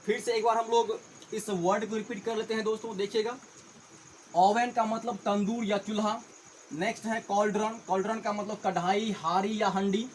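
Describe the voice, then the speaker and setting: A man's voice: high voice, little pitch movement, moderate pace, slight background noise, low-quality recording. A man teaching English vocabulary in Hindi. He spells each word out letter by letter, repeats it, and often calls his viewers friends.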